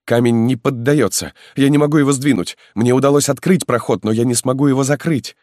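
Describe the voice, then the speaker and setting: A man voicing an eager young male peasant rescuer who talks in urgent, hurried pleas. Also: mid-range voice, darkish tone, no echo, studio quality, pitched above the performer's own voice, lightly acted.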